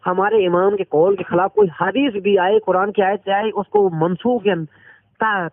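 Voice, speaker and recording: A man with a fairly high voice argues hotly over a call, taunting his opponent and firing off the same phrases again and again. The sound is thin and phone-like, with a faint hiss underneath. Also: steady tone. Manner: taunting, repeats phrases rapidly. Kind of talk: heated religious debate.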